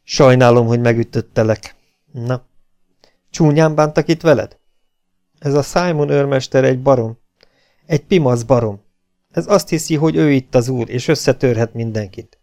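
A man reading as a gravelly, weary legion captain. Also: medium pitch, long pauses, a little mellow, lightly acted. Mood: coaxing. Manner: threatening, then coaxing and falsely friendly. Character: weary, hot-tempered French legion captain, middle-aged. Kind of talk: audiobook reading.

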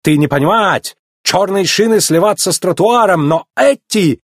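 A man voicing an excitable male Italian tire-shop car with broken grammar and a put-on Italian accent. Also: high-pitched, moderate pace, no echo, clean studio sound, voice pushed up. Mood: excited. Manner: broken grammar, gushing and exclamatory.

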